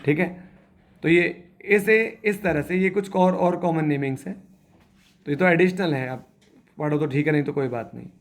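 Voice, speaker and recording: Brief: male chemistry teacher, high voice, quizzes the class, slow step-by-step. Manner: asks the class questions and repeats answers; spells out structures slowly, step by step. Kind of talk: classroom lecture.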